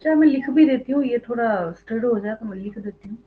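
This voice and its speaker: A woman's voice: a little high, a little fast. Biology teacher quizzing her class, tinny line. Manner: explains step by step and quizzes students with repeated questions; mixes English terms into her speech. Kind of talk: online class lecture. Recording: tinny phone-like online audio.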